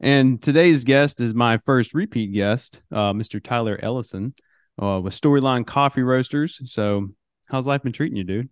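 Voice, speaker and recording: A man's voice: mid-range voice, normal speed, clean tone, dry recording. A man hosting a podcast, with a nasal voice and a laid-back, casual way of talking. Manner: laid-back, says "dude". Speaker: podcast host.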